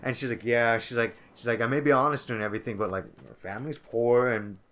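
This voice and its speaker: A man's voice: mid-range voice, fairly even intonation, fast, fairly bright tone, slight background noise. Young male co-host, casual rambling gamer chat. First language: English. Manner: rambling, many "like" fillers, playful impressions. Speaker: co-host of a gaming let's play.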